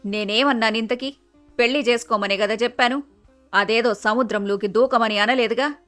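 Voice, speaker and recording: A woman's voice: fairly high pitch, steady tone, moderate pace, a bit bright, no room sound, soft background music, close to an everyday voice. A woman doing a scolding middle-aged mother. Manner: teasing, scolding, down-to-earth.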